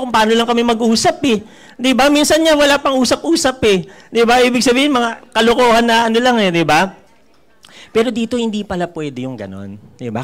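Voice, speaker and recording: Filipino man, high voice, mentor working a live seminar room, animated and teasing. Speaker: network marketing mentor. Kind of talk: live seminar talk to an audience.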